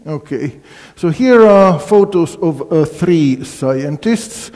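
A man's voice: fairly high pitch, animated, darkish tone. Older man lecturing in an echoing hall. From Finland. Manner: unhurried, quizzing the audience, many fillers. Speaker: physics lecturer. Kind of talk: university colloquium lecture. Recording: long hall reverb.

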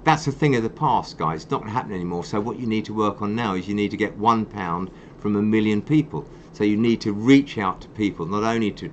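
A man hosting a live charity stream with a lowish voice and faint background hiss. He rants passionately about his cause and laughs at himself. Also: quick pace, hardly any pauses, muffled recording. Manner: passionate, ranting, self-mocking. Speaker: wildlife charity host.

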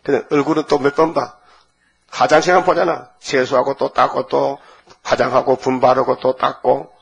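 A man's voice: medium pitch, fairly even intonation, normal speed, gravelly, slightly rough. A man preaching a dawn sermon, retelling scripture with rhetorical questions and voicing the figures in the story. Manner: preaching with rhetorical questions, frequent "eung?" prompts, acting out dialogue. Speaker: pastor.

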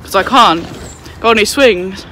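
A woman's voice: mid-range voice, measured pace, fairly bright tone, a little hiss or hum. Breathless young woman vlogging. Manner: chatty, swearing, frequent laughs. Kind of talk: casual vlog chat. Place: outdoors in a town park. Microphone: handheld phone.

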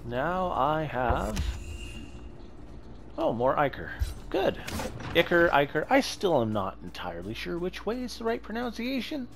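Man, let's-play commentator, slow delivery, lively swings in pitch, reacts out loud. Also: vocal fry, slight background noise. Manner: reactive, talks to himself and the enemies. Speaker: gameplay commentator.

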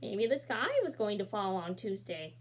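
A young woman, filmed on a laptop camera, reads a picture book for children in a small room, putting feeling into it and adding casual asides. Her medium-pitched voice is slightly rough and moves at a moderate pace.

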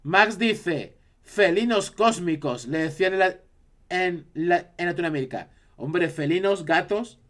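A man's voice: high voice, lively intonation, unhurried, fairly bright tone. A man from Spain with a Spanish accent, chatting casually on a live stream and reacting to his chat.

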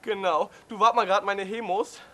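A man's voice: high-pitched, steady tone, moderate pace, pushed and bright, voice pushed down. A man voicing a fussy, pedantic man on the phone who keeps saying "genau" in an overly polite, prim way.

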